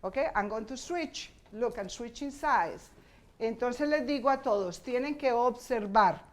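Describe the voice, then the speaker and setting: A woman teacher giving a conference presentation in a slightly high voice. She walks through her classroom activities one step at a time. She moves back and forth between English and Spanish as she explains. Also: animated, normal speed.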